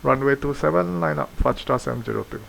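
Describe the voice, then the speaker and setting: A man's voice: medium pitch, fast talker, creaky, fairly bright tone, slight background noise. A man playing an airline pilot, reading clipped cockpit callouts and radio calls into a headset mic. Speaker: flight sim player acting as pilot.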